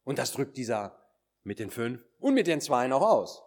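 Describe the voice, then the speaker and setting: A man preaching a sermon, acting out quoted words and dropping at times into hushed whispers for solemn points. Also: mid-range voice, normal speed. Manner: animated, swings between emphatic calls and hushed whispers.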